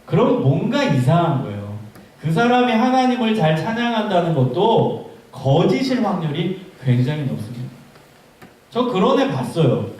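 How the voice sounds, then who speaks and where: A man preaching a lively youth sermon as a pastor, joking with the congregation. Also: very high voice, slight background noise. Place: church hall. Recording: echoey hall recorded from far off.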